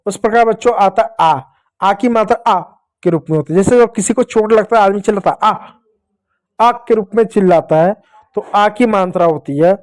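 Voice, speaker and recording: Mellow-voiced man teaching children to read. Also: high-pitched. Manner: slow, drawn-out pronunciation drills with repeated checks; asks questions and answers them himself. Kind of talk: children's Hindi reading lesson.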